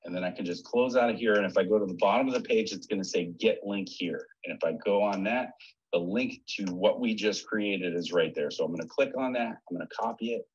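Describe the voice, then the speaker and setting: Low husky man explaining step by step. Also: a little fast. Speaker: webinar presenter. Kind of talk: screen-share tutorial. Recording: dull lo-fi webinar audio.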